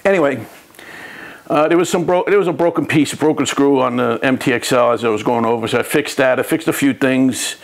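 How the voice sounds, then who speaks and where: A man's voice: mid-range voice, brisk, gravelly. A man from New City, venting in a rambling, frustrated vlog about his hobby, with many restarts. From New York City. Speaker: RC hobby vlogger. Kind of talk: ranting vlog to camera.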